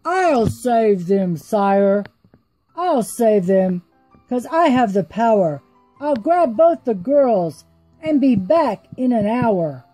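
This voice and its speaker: A woman's voice: on the high side, sing-song, slow, warm tone, no echo, faint music behind, heavily acted, low-quality recording. A woman voicing a brash, boastful young prince in a storybook who makes threats in rhyme.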